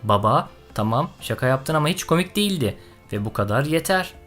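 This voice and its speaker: A man voicing a terrified young boy who pleads and shouts in panic. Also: mid-range voice, animated, brisk, faint music behind, lightly acted. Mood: annoyed. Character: terrified young boy fleeing his parents.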